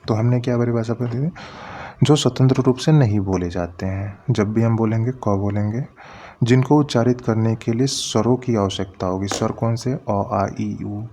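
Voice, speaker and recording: A man teaching a grammar lesson, patiently explaining step by step and sounding out letters slowly. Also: mid-range voice, mellow, a little hiss or hum.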